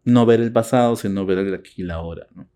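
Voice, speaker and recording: Un hombre con acento peruano que, como copresentador, habla de forma reflexiva y bromista en una charla casual, con muchas muletillas. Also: male voice, on the low side, quick pace, dark tone. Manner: reflective, teasing, with many fillers. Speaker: podcast co-host. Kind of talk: casual conversation.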